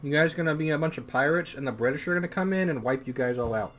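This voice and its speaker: A man's voice: on the high side, quick pace. Laid-back male game master. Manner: casual, laid-back joking. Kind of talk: narrating a tabletop game.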